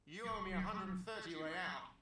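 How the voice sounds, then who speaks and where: A man's voice: sits high, a little fast, sharp tone, very echoey, far from the mic. A man voicing a whiny, irritable café manager who talks in a defensive, grumbling way.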